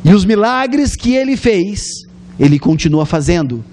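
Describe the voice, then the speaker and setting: A man with a Brazilian Portuguese accent preaching a sermon, telling the story in a lively way and acting out the scenes. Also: high-pitched, unhurried, a little hiss or hum.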